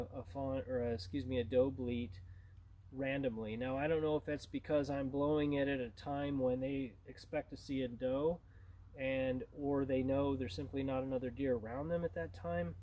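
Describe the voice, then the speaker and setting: A man's voice: mid-range voice, dark tone, low-quality recording. A man gives an informal tutorial as a hunting instructor, in a plain-spoken, conversational way.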